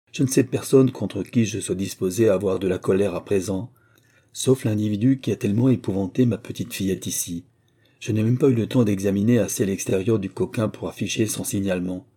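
A man voicing a generous wealthy older gentleman in an audiobook, speaking in a gracious, measured way. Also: lowish voice, breathy edge.

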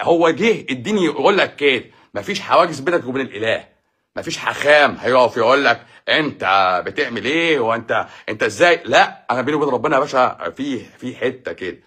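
A doctor with an Egyptian Arabic accent gives a casual talk on faith and life, speaking emphatically and preachily and firing off rhetorical questions. His husky voice sits at a medium pitch with a fairly bright tone.

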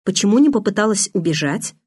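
A woman's voice: mid-range voice, expressive, quick pace, darkish tone, breathy edge. Brooding young man, as a woman reads him. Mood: restrained.

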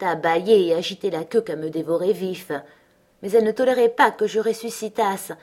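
A woman reading a novel aloud as an audiobook narrator, in measured, steady narration. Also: lowish voice.

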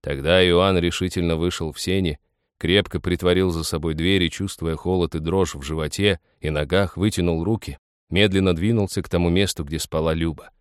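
A man narrates a story in a calm, measured audiobook reading. His voice sits very low, and the recording is dry and close. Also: smooth, no echo.

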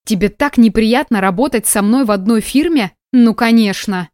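A woman voicing a sharp, sarcastic young woman. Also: fairly high pitch, moderate pace, no echo, studio quality, lightly acted. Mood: sarcastic, heated. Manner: biting, sarcastic, emotional. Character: young woman, sarcastic, hurt, quick-tempered. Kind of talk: audiobook dialogue.

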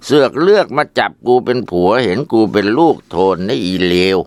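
A man's voice: on the low side, big pitch swings, normal speed, no echo. A man voicing a rowdy, drunken teenage son who talks back to his parents in a sulky, insolent way.

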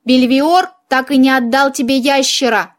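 A woman's voice: sits high, fairly even intonation, moderate pace, lightly acted. Woman voicing a dry sardonic talking cat.

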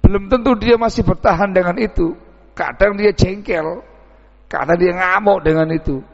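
A man's voice: high voice, normal speed. A man giving a dawn sermon, telling folksy stories and acting out village conversations. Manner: folksy storytelling, acts out village dialogues. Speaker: preacher. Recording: echoey hall, dull lo-fi sound.

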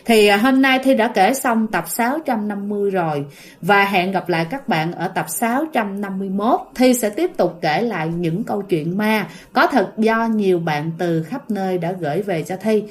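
A woman's voice: mid-range voice, normal speed. Chatty woman telling ghost stories. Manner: chatty, addresses listeners directly, animated when telling scary parts. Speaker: ghost story storyteller. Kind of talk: casual spoken storytelling.

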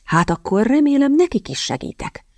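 A mocking young gentleman, as a woman reads him. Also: high voice, very animated, no echo, clean studio sound, voice pushed up. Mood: mock-helpful. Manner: drawling, teasing mock courtesy. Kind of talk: audiobook character reading.

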